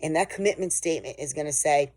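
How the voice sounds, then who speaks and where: A woman's voice: deep voice, fast talker, a little mellow, no room sound. A woman giving an emphatic, motivational sales coaching lesson. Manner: emphatic and motivational, pushes with intensity. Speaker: sales trainer. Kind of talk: instructional sales coaching talk.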